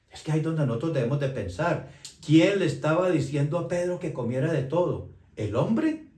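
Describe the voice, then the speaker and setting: A man's voice: medium pitch, mellow, reverberant. A man preaching a Bible study sermon, teaching earnestly and asking his listeners rhetorical questions. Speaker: lay preacher.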